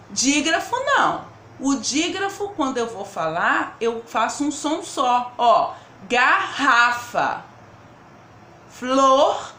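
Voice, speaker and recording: A woman primary school teacher giving a remote grammar lesson to children, slowly sounding out example words and checking in with the class. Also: sits high, a bit bright, reverberant, a little hiss or hum.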